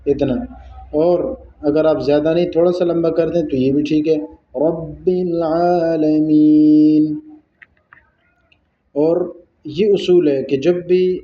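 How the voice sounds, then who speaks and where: A man teaching Quran recitation rules, explaining patiently and drawing out recited words very slowly. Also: on the high side. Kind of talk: tajweed lesson with slow recited examples. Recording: echoey, dull lo-fi recording.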